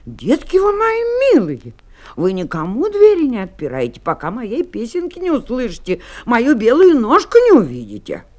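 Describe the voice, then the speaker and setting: A woman's voice: fairly high pitch, huge pitch swings, normal speed, darkish tone. A woman voicing a caring mother goat from a folk tale, in a sing-song way.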